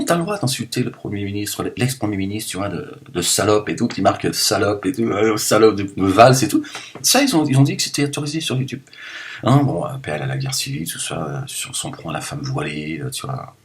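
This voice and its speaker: Guy with a lowish voice rambling at his viewers, jokey, gets loud then mutters. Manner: joking, rambling, addresses viewers as "frérot"; swings between loud outbursts and low mumbling. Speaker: video blogger. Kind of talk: casual rambling monologue to viewers.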